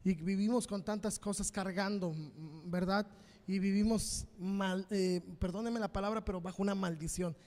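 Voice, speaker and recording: A man with a Mexican Spanish accent preaching a sermon as pastor, fervent and repetitive, swinging between loud and quiet. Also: high-pitched, fairly even intonation, moderate pace, big-room sound. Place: church hall.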